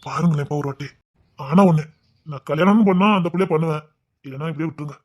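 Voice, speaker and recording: Pleading with his parents, a young actor voices a stubborn, proud son from a village in a family drama, sounding earnest and insistent. The voice is husky and a bit high, close to an everyday voice with the highs cut off, and he speaks in a fast tumble.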